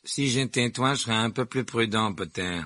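A man's voice: medium pitch, normal speed, bright, forceful tone, no room sound, natural voice. A man voicing an arrogant, contemptuous rich boy who drawls his insults. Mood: menacing.

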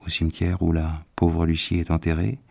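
A hot-tempered young nobleman, as a deep-voiced male reader puts him on, pushing up into a strained, loud register. The gravelly edge of the reader's voice stays under the outrage. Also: monotone, normal speed. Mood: stunned. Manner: loud, high-strung outbursts.

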